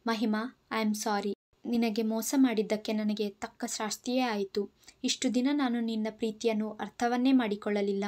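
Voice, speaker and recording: A woman's voice: mid-range voice, a little mellow, lightly acted. A woman voicing a sly husband faking remorse. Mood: hushed.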